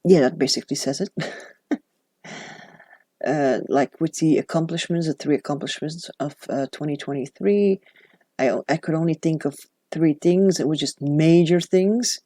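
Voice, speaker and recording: A deep-voiced woman with a dark tone talks at a moderate pace, her sound dry and close without echo. A native Dutch speaker and journaling vlogger, she chats casually, chatty and reflective with self-deprecating asides.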